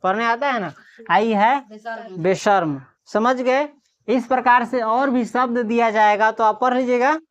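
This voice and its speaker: A woman teacher giving a classroom lesson on reading Hindi letters. She sounds out letters slowly one by one, then quizzes the class and answers herself. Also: on the high side. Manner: drills by asking questions and answering them herself. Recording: dull lo-fi recording.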